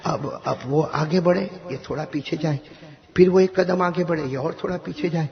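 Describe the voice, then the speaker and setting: A man telling a religious story to children in a lively way, often asking them to answer back. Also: on the high side, gravelly, dull audio. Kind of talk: animated storytelling to a young audience.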